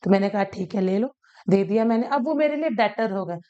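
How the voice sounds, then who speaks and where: A woman's voice: mid-range voice, expressive, brisk, dark tone, dull audio. A woman teacher explaining accounting terms in a casual lesson, repeating key points and acting out shopkeeper examples, mixing in English terms. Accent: Hindi-English mix.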